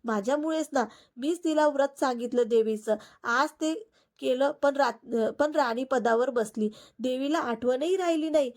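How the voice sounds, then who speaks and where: A woman's voice: high voice, measured pace, darkish tone. A woman voicing an old woman, a goddess in disguise, who scolds a proud queen. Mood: indignant. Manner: scolding, reproachful.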